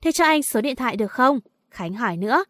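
High-voiced woman reading a story. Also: lively intonation, fast talker, a bit bright, dry recording, clean studio sound. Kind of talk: storytelling narration.

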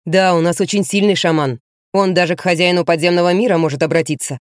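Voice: mid-range voice, fairly even intonation, quick pace, clear, resonant tone, close to an everyday voice. An eager, friendly young man, voiced by an audiobook narrator, talking openly and earnestly. The voice sits close and dry, with no echo.

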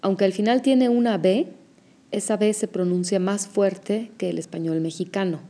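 A woman teaching an audio language lesson, explaining pronunciation slowly and carefully. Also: medium pitch, fairly even intonation, warm tone.

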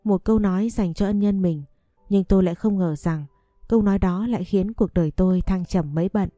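Calm woman narrating a story. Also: mid-range voice, brisk, dry recording, faint music behind. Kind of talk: first-person storybook narration.

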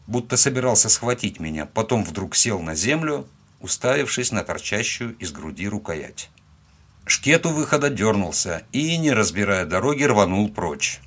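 A man's voice: lowish voice, fairly bright tone. A man narrating a first-person audiobook in a terse, tense manner.

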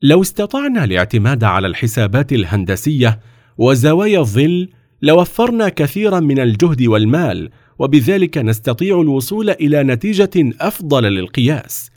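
A man voicing a calm, brilliant young scholar in a storybook reading, explaining politely and patiently. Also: on the high side, a little fast, no echo, clean studio sound, pitched above the performer's own voice.

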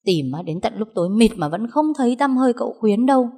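Storybook role: woman voicing a young village man, urgent, pitched up, husky. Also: animated, fast talker, warm tone. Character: young village man reporting a tiger attack.

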